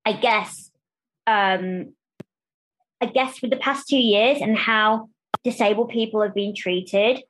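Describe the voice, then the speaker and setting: A woman speaking candidly as a podcast interview guest, animated and quick to restart phrases and act out what others say. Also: mid-range voice, low-quality recording. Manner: animated, restarts phrases, acts out quoted voices.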